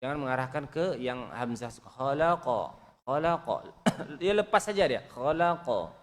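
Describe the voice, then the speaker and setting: A man teaching Quran recitation, correcting pronunciation and drilling syllables slowly for his students to repeat. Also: medium pitch, animated. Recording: long hall reverb.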